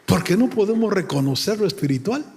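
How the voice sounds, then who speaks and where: Animated, high-pitched preacher in a reverberant hall. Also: male voice, brisk, slight background noise. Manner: emphatic, addresses listeners as brother, sings lines. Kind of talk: sermon.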